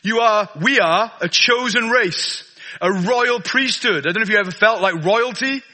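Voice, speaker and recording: A man's voice: sits high, moderate pace, bright, forceful tone. A man with a South Wales Valleys accent preaching an informal sermon in a chatty, self-deprecating, colloquial way. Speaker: guest preacher.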